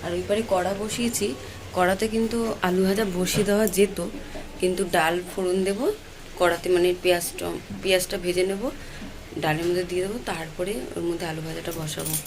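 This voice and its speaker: A woman with a Kolkata Bengali accent talks to her viewers in a soft, lowish voice, worn out from a night without sleep. She repeats herself and keeps checking that they are following. A clear hum of household noise sits behind her home recording. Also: little pitch movement, fairly quick. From West Bengal, India. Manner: talks softly, repeats herself, asks "ঠিক আছে?". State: tired from no sleep. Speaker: vlogger, mother. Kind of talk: casual vlog chat to viewers. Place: home, kitchen and bedroom.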